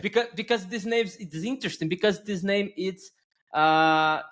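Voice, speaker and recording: A man's voice: high voice, moderate pace, fairly bright tone. A man from Brazil with a Brazilian Portuguese accent, speaking English as a second language while hosting an interview, with many fillers and restarts. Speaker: podcast host. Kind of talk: casual interview.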